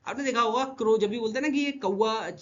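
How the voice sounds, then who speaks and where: A man teaching vocabulary in an online lesson, repeating words and asking and answering his own questions. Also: fast talker. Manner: animated, jumps in pitch and loudness. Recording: dull lo-fi sound.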